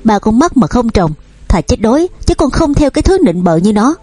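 A hot-headed, jealous young son who answers back and shouts, voiced by a woman. The voice is mellow and husky, with faint music behind it. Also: a little high, very animated, a little fast, no echo. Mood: defiant. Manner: defiant, shouting.

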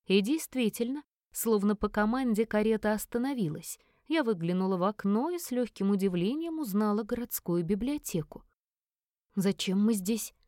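Expressive woman reading an audiobook. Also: mid-range voice, fairly quick, few pauses, no echo, studio quality. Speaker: audiobook narrator. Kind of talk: first-person fantasy audiobook narration.

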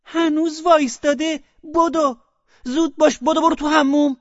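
A man voicing a shrill, bossy clean-freak bride. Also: steady tone, no room sound, highs cut off. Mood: disgusted scolding. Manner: shrieking orders, disgusted and bossy. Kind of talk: audiobook character voice.

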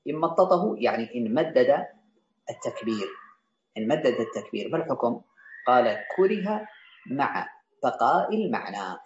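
A very animated jurisprudence teacher with a medium-pitched voice speaks at a moderate pace, pausing often. He reads lines from a classical Islamic legal text, then restates and explains them for students. The audio is roomy and slightly dull, with a little background noise.

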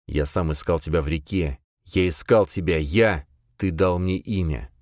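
A man's voice: deep voice, moderate pace, darkish tone, no echo, clean studio sound, natural voice. A man voicing a bewitched, confused young man who speaks earnestly and with anguish.

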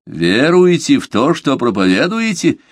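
A man's voice: mid-range voice, big pitch swings, unhurried, no room sound, clean studio sound, pitched above the performer's own voice. A man voicing a stern male inquisitor who questions coldly and probingly in an audiobook. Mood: interrogating. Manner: cold probing interrogation. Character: stern grim male inquisitor, older cleric. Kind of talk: audiobook character reading.

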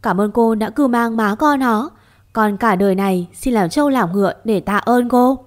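A woman's voice: a little high, moderate pace, natural voice. A woman voicing an earnest young man who pleads and stammers as he searches for his lost love.

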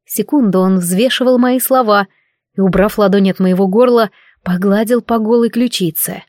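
A woman's voice: mid-range voice, normal speed, a little mellow, dry recording, studio quality. Woman reading a novel aloud. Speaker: audiobook narrator. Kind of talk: scripted first-person fiction narration.

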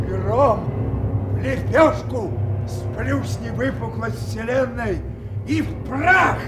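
A man's voice: extremely high pitch, exaggerated voice. An actor playing an anguished old king who rages at a storm in grand, impassioned Russian stage tragedy verse. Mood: raging, commanding. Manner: grand, drawn-out, impassioned declamation. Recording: echoey studio drama with loud music.

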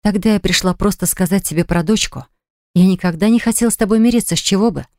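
A woman's voice: mid-range voice, fast, darkish tone, no echo, clean studio sound, close to an everyday voice. Curt, stern young mother, read by a woman. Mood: resentful. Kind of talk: audiobook dialogue.

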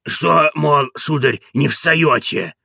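A man's voice: fairly high pitch, takes it slowly, vocal fry, pushed and bright, no echo, clean studio sound, exaggerated voice. A man voicing an old, stubborn manservant who scolds and coaxes in a folksy way. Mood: grumbling.

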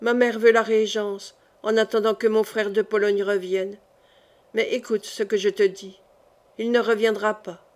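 A woman voicing a dying, weary king who speaks softly and confidingly in an audiobook reading. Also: level tone, a little slow, natural voice. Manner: soft, low-voiced confiding.

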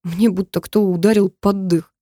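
A woman narrating a story in the first person, in a measured and intimate way. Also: mid-range voice, steady tone, dark tone, no room sound, studio quality. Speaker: audiobook narrator.

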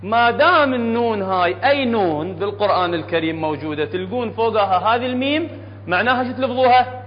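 A man's voice: high voice, fast. A man with an Iraqi accent teaching a Quran recitation lesson to an audience in a hall, often quizzing them with questions. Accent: Iraqi Arabic. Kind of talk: classroom tajweed lesson. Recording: dull, echoey hall recording with faint hum.

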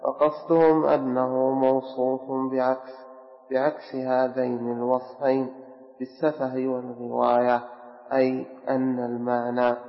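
A man reading a religious commentary aloud to a teacher in a measured, slightly sung recitation. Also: mid-range voice, level tone. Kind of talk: chanted reading of a religious text. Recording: dull recording in a reverberant hall with faint music.

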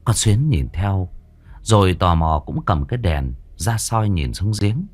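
A man's voice: deep voice, expressive, measured pace, a little mellow. A man, dramatically narrating a ghost story.

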